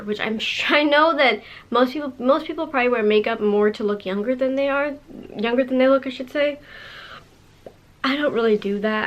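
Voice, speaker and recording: A woman in her late twenties talks to her camera in a loose, rambling vlog style. Her voice sits a little high, and she comes across as bubbly and sassy, with plenty of fillers and restarts. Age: 20s. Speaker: vlogger. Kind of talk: casual talk to camera.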